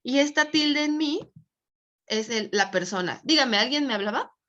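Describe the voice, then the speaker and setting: A woman's voice: high-pitched, expressive, moderate pace, bright, forceful tone. Patient woman teaching Spanish. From Mexico. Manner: patient, checks understanding often. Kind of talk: online class lecture. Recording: dull lo-fi audio.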